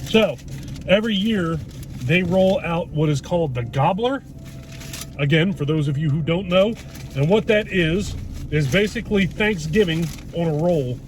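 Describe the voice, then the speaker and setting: Higher-pitched man in noisy car. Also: animated, normal speed. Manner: blunt, mildly profane, rambling. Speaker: food vlog host. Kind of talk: casual chat. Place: inside a parked car in a driveway. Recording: noisy car interior with road hum.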